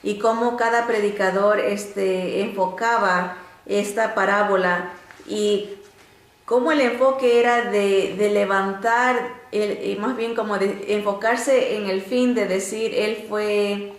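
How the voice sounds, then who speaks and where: A woman teaching a Bible lesson through stories, animated and often pausing on "este" and restarts. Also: roomy sound. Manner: animated storytelling, often rising in pitch to act out quotes; frequent filler "este" and restarts.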